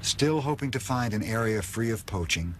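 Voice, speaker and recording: A man's voice: fairly low pitch, lively intonation, normal speed, background noise. A man reading scripted narration for a nature documentary.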